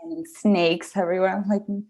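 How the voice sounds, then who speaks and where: Animated woman from Venezuela telling stories. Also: mid-range voice, normal speed. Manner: animated storyteller, acts out quotes. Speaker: guest. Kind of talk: casual chat.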